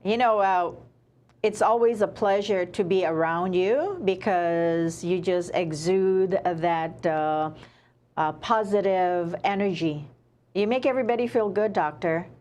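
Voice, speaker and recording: A woman hosting a talk show, speaking hesitantly with frequent pauses as she interviews a guest. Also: fairly low pitch. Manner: hesitant, many uh fillers, warm praise. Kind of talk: casual interview.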